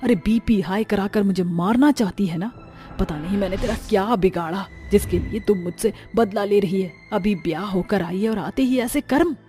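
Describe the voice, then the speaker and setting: A woman's voice: mid-range voice, normal speed, mellow, soft background music, lightly acted. A woman voicing a harsh, scolding middle-aged mother-in-law who drawls out insults.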